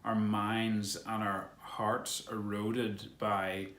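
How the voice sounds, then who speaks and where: Man, co-host; reflective, encouraging delivery, slightly low pitch, roomy sound. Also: little pitch movement, very slow, a bit bright. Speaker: vlog co-host, actor. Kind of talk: casual conversational vlog.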